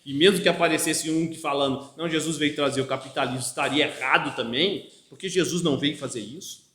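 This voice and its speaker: A Brazilian man preaches from the pulpit in a high, ringing voice. His Brazilian Portuguese accent carries through an echoey church hall. He presses his points hard and keeps asking his listeners for agreement. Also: fast talker, a bit bright. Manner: emphatic preaching with frequent call-and-response "amém?". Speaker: pastor. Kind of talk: expository sermon.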